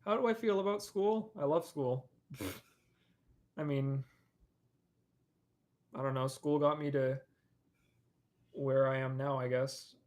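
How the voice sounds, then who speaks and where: A man's voice: mid-range voice, takes it slowly, pauses often, darkish tone. A young man answering viewer questions on a live stream in a rambling, casual way, full of fillers and restarts. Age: young adult. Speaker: animator and streamer.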